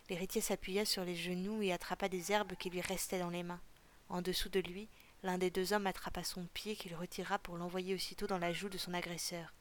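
Woman narrator, audiobook reading, calm, steady, low, gravelly voice, flat delivery. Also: slight background noise.

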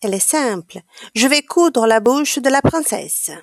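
A woman voicing a smug young male sorcerer who boasts quickly of his plan. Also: sits high, lively intonation, no room sound, studio quality, pitched above the performer's own voice. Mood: boastful.

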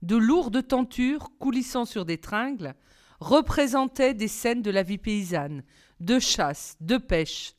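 A woman narrating a children's novel aloud in a steady, measured storytelling manner. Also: fairly high pitch.

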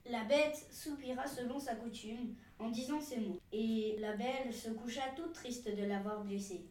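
A woman's voice: on the high side, recorded from a distance. Woman reading a fairy tale aloud. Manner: steady, measured reading. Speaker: storyteller. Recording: echoey room, voice from afar.

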